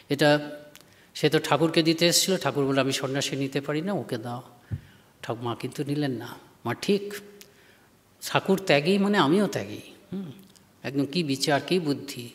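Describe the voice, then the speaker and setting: A man, a monk lecturer, giving a devotional lecture in a hall with a Bengali accent, telling stories and quoting voices with rising emphasis. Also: medium pitch.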